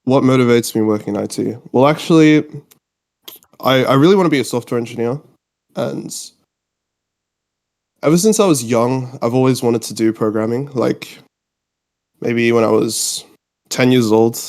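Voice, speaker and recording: A man's voice: medium pitch, moderate pace, long pauses, a little mellow. A twenty-year-old man from Australia, born in Mauritius, chatting casually in an informal, rambling way as a podcast guest. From Australia, born in Mauritius, lived in UK. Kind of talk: casual chat.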